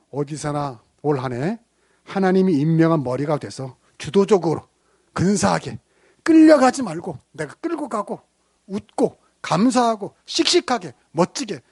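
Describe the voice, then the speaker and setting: Pastor guy preaching, chatty and lively, kinda high voice, dry close sound. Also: no room sound. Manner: conversational, asks the congregation questions, animated storytelling. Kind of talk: sermon. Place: church.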